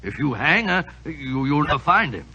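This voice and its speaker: An actor playing a flustered, soft-hearted English gentleman doctor with a British accent and gravelly voice, in 1940s radio drama style. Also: on the high side, big pitch swings, moderate pace, lo-fi sound. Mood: reasoning. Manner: blustery, muttering, exclaiming. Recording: vintage 1940s radio recording.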